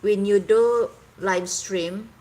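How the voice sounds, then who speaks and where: A Cebuano-speaking woman from the Philippines with a Visayan Filipino accent chats casually with viewers on a live stream, often stopping to hunt for English words. Her mid-range voice is mellow and fairly even, and she speaks slowly; the phone recording is low quality.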